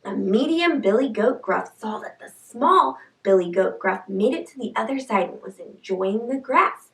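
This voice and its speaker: A woman's voice: fairly high pitch, lively intonation, normal speed, fairly bright tone, far from the mic. A woman hosting a children's learning video, telling a story in an upbeat, enthusiastic way. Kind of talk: children's educational narration.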